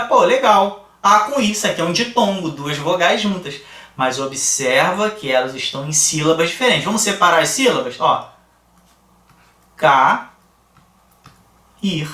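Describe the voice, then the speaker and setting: A man with a Brazilian Portuguese accent teaching a grammar lesson, explaining slowly and asking the class rhetorical questions. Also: sits high, bright, forceful tone, far from the mic. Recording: echoey room, voice a bit off-mic.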